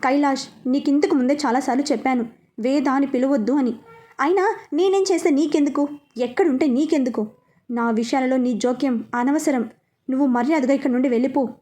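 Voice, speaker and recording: A woman playing a stubborn young woman in a storybook, curt and sharp-tongued. The voice is high and mellow, clipped with impatience. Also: a little fast, lightly acted. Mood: irritated.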